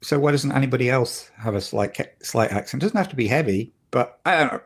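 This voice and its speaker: Husky-voiced man co-hosting a podcast. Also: mid-range voice, fast. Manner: opinionated, animated when annoyed. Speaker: podcast co-host. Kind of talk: casual chat.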